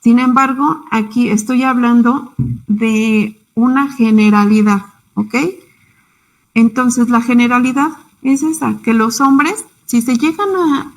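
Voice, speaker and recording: A woman's voice: a little high, poor audio. A young woman with a Mexican Spanish accent giving a symposium talk, conversational and full of tag questions. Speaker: psychology speaker.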